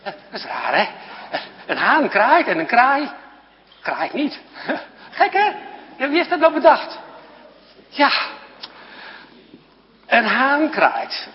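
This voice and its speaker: A man's voice: very high-pitched, huge pitch swings, slow, long pauses. A man leading a children's moment in a church service, playfully asking questions and often laughing. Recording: echoey hall, dull lo-fi sound.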